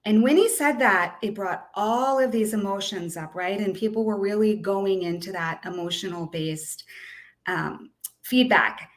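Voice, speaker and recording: A woman from the United States, a guest on an online show, telling a story in a lively, chatty way. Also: mid-range voice, measured pace. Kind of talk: conversational storytelling.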